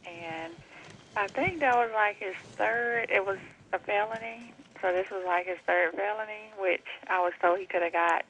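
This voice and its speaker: A woman's voice: mid-range voice, normal speed, vocal fry, fairly bright tone. Female caller over a dull phone line, hesitant and apologetic. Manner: hesitant, many fillers and apologies. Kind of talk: casual call-in question.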